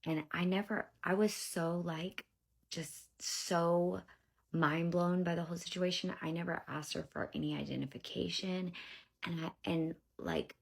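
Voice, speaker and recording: A woman's voice: on the low side, unhurried, gravelly, slightly rough. A young woman casually telling her own story to camera, acting out what others said and dropping to whispers at tense moments. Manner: animated retelling, acting out dialogue, drops to whispers.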